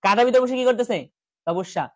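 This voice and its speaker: A lively man tells scripture stories to children in a village house. He acts out the lines of gods and keeps asking his pupils questions. His voice is close and dry, with no room sound. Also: very high-pitched, fast talker, no echo. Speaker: Gita school teacher. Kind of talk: storytelling scripture lesson to children.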